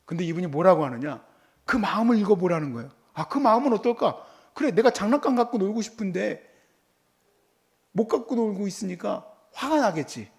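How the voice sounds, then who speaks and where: Guy pastor giving a sermon, kinda high voice, gravelly, acts out little scenes with his kid. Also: lively intonation, fairly quick. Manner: storytelling, acts out scolding and comforting his child.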